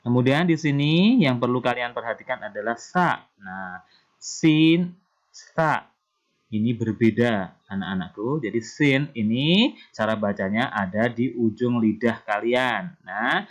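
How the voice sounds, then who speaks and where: A male primary school teacher with an Indonesian accent, patiently explaining Quran recitation rules to children and chanting verses slowly. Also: mid-range voice, highs cut off. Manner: slow, patient explaining, often starting with "nah".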